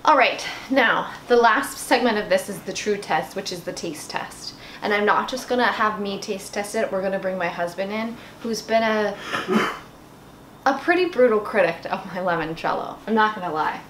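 A woman's voice: mid-range voice, moderate pace, a bit bright. A woman in her thirties talking through a home recipe in a chatty, candid way. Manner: chatty, candid, self-deprecating. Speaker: home cooking vlogger. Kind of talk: casual kitchen vlog. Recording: echoey room with background noise.

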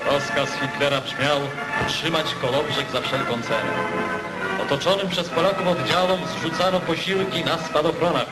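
A man's voice: fairly high pitch, moderate pace, rough recording. A man giving stirring, declamatory narration over an old newsreel soundtrack. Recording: newsreel voice over loud music.

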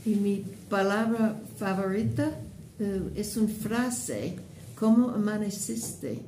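An older woman from the United States, a language student, gently and thoughtfully explaining her favorite phrase in a wood-panelled room. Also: medium pitch, slow pace, slight background noise, low-quality recording. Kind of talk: casual interview answer.

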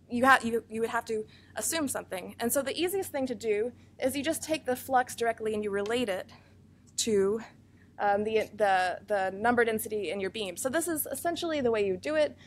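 A woman scientist giving a conference research talk, explaining fast and earnestly, with many fillers and self-corrections, over a microphone in a room with speakers. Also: a little high. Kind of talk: academic conference presentation. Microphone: microphone feeding room speakers.

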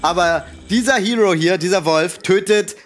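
A man in his thirties hosts a strategy game show and talks casually through replays and statistics. His voice sits a little higher than most men's. He sounds relaxed and keeps the conversation moving. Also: normal speed. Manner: relaxed, steering talk through replays and stats. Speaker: show host and game caster. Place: studio with red curtain and couch.

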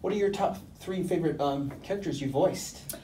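A man's voice: on the high side, moderate pace, warm tone. A man in his forties asking casual interview questions in a small room, away from the microphone. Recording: roomy, distant mic, faint noise.

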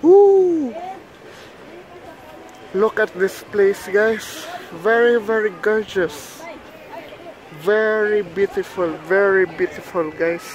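A young man with a Filipino accent, vlogging excitedly to camera by the sea, repeating how beautiful the place is. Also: sits high, takes it slowly, long pauses, low-quality recording. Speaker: travel vlogger. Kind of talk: casual vlog narration to camera. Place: outdoor seaside deck.

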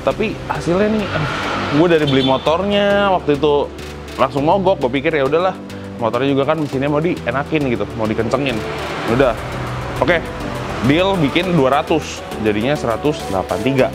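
A young adult man hosts a motovlog from an open concrete garage forecourt beside a workshop, with music playing in the background. His fairly high voice is lively and fairly quick as he chats casually, using slang and grumbling in exasperation.

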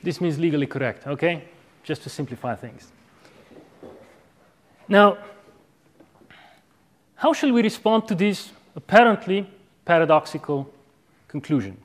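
A man in his thirties giving an academic lecture in a measured, didactic way, checking in with short tag questions. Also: fairly high pitch, animated. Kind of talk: academic lecture, philosophical argument. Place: university lecture room with chalkboard. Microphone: clip-on lapel microphone.

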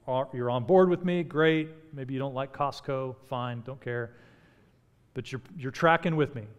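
A man in his forties, a pastor preaching a sermon from a church stage pulpit, rising for emphasis and dropping soft and slow on key words. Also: mid-range voice. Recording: long hall reverb.

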